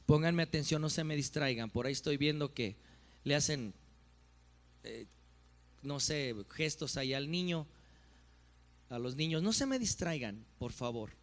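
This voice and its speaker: A man pastor delivering a sermon in an emphatic, drawn-out preaching manner. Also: on the high side, expressive. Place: church.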